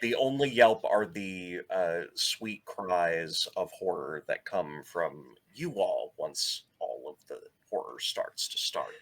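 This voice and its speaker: A man's voice: deep voice, animated, takes it slowly, few pauses. A man running a tabletop role-play game as game master, with dry, teasing asides.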